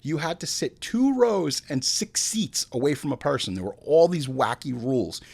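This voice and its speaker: This movie podcast host has a gravelly, husky, darkish voice that runs high and sing-song at a moderate pace. He delivers crude, profane comedy about films, blending read-out facts with rants and dramatically performing imagined lines.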